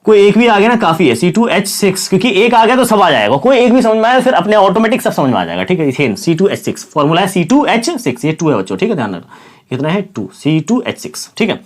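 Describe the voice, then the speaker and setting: A male science teacher giving a classroom-style chemistry lesson with a sore, slightly hoarse throat. He asks his students questions, answers them himself, and keeps repeating the key words. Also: sits high, sing-song, fast. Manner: repeats key words and calls listeners "kids" and "brother".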